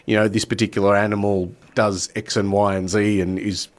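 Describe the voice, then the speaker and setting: A man's voice: on the low side, level tone, brisk. A man co-hosting a board game podcast, talking thoughtfully with many fillers in casual chat. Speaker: podcast co-host.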